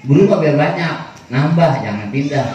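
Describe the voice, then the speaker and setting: A man's voice: a little high, lively intonation, moderate pace, darkish tone, muffled recording. A man preaching, teaching in loose, slangy storytelling. He is heard from a distance in a very echoey room. A faint hiss runs under his voice. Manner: casual storytelling with Betawi slang. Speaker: kiai teaching a kitab study. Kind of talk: sermon.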